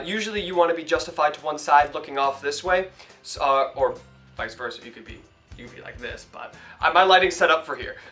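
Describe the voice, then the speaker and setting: In front of a sheet hung up in a room of his home, a young Toronto actor gives chatty, upbeat advice in a casual how-to vlog, demonstrating hands-on. His voice is fairly high, bright and forceful.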